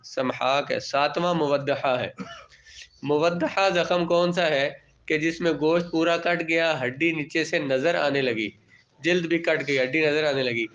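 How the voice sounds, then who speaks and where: A man's voice: a little high, a bit bright. A male teacher from Pakistan giving a classroom lecture. He reads out Arabic terms and explains each one in plain everyday words, often asking the class a question and then answering it himself. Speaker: religious studies teacher. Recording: dull lo-fi classroom recording.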